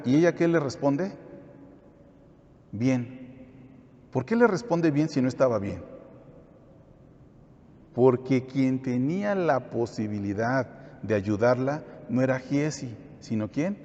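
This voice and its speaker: A man's voice: medium pitch, expressive, slow, long pauses, mellow. A man teaching a Bible study, asking the listeners questions and then answering them himself. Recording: echoey hall, dull lo-fi sound.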